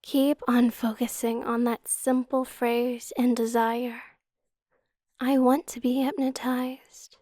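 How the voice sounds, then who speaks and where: A woman guiding a hypnotic induction in a slow, soothing hypnotist manner, with a soft, breathy, half-whispered ASMR delivery. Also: on the high side, flat delivery, no echo, studio quality. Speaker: hypnotist guide.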